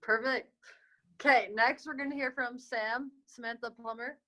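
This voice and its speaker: A woman's voice: fairly high pitch, steady tone, pushed and bright, poor audio. A young woman moderating a casual student webinar over a video call, upbeat and chatty. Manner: upbeat, chatty, quick transitions.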